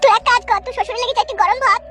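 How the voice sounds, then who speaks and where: A woman's voice: very high-pitched, steady tone, very fast, a bit bright, soft background music, pitched above the performer's own voice. A woman voicing an older village mother who scolds her son over his feuds. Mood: fretful. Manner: nagging, scolding.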